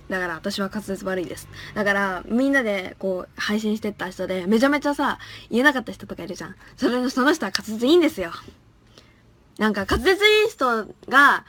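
A woman's voice: medium pitch, fairly bright tone. A young woman in her twenties hosting a casual live stream, reading viewer comments aloud, laughing often and stumbling over tongue twisters. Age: young adult. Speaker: live-stream idol host.

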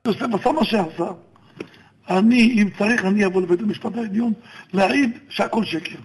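A man's voice: sits high, rough recording. A man recounting events in a played recording, steadily quoting what others told him.

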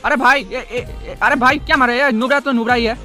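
High-pitched excitable young gamer man. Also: faint music behind. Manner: excitable, repeats words rapidly. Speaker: gaming YouTuber. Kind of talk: casual gameplay commentary.

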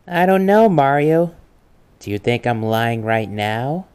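A man's voice: mid-range voice, lively intonation, takes it slowly, darkish tone, clear, resonant tone. A man acts out a mischievous young liar in an amateur comedy dub. The voice swings up and down constantly, coy and teasing, dragging words out in mock innocence. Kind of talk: amateur comedic fan dub role-play.

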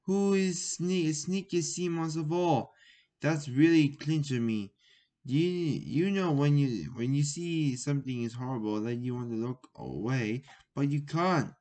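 A man reads a children's chapter book aloud in a middle-pitched voice. He stumbles and restarts often, breaking off to chat about the pictures. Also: darkish tone. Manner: halting, with frequent restarts and comments. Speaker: story reader.

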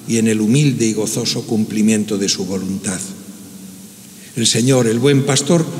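A man leads a funeral mass in a slow, solemn, measured way. His voice sits at an ordinary middle pitch and carries a long cathedral echo that hangs in the big stone church. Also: darkish tone. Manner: slow, measured liturgical delivery. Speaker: celebrant priest. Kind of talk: solemn funeral homily and prayers.

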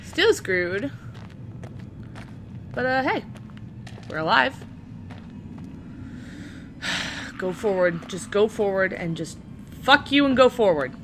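A woman's voice: mid-range voice, sing-song, slow pace, pauses often, a bit bright, slight background noise. A young woman doing let's-play commentary, sarcastic, swearing and talking back to the game characters. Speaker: gaming channel host.

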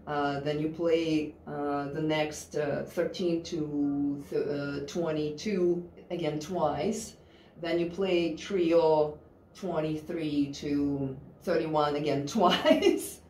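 A distant camera mic captures a low-pitched, slightly mellow woman in her thirties giving a casual, chatty piano lesson in a studio room with a grand piano. She thinks aloud with fillers, and the roomy recording includes the piano and slight background noise.

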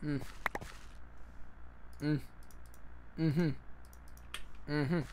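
A young man commentating a live game stream, joking and bursting into yells. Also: a little high, very slow, slight background noise. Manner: jokey, excitable, yells in sudden bursts. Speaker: gaming streamer.

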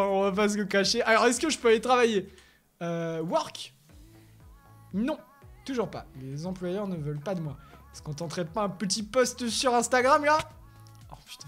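Man, gaming commentary, excitable and chatty, odd put-on accent, faint music behind. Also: sits high. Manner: excitable, chatty, talks to himself while playing. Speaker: gaming YouTuber. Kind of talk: Let's Play commentary.

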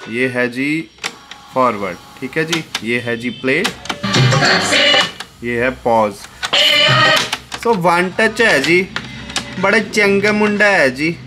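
A man running an antique shop, giving a casual, joking demo of an old tape recorder. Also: medium pitch. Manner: chatty and jokey, mixing Hindi and English asides; talks softly so someone outside won't hear. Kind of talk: casual product demo vlog. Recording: noisy room recording.

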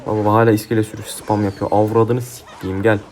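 A man's voice: lowish voice, level tone, rapid-fire, a little mellow. A young man commentating his own mobile game match, swearing heatedly and trash-talking his opponents. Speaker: gaming YouTuber. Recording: faint game music behind.

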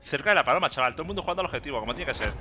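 Excitable Spanish gamer with gunfire behind. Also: male voice, a little high, racing, lo-fi sound, noisy background. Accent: Spain Spanish. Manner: excitable, joking, swears often. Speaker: gaming YouTuber. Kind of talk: gameplay commentary. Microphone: desk USB microphone. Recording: loud game gunfire behind. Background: gunfire and explosions from the game.

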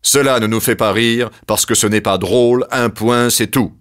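A man's voice: mid-range voice, fairly even intonation, moderate pace, fairly bright tone, pitched above the performer's own voice, lightly acted. A man voicing a boastful, cheating king of the gods in a children's audiobook, gloating and ironic.

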